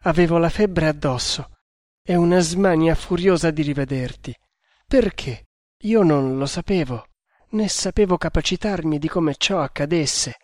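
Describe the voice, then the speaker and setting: A man's voice: fairly high pitch, darkish tone, no echo, clean studio sound, lightly acted. A man reading an audiobook, voicing a young snake hunter who speaks with ardent passion. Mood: passionate. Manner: ardent, impassioned.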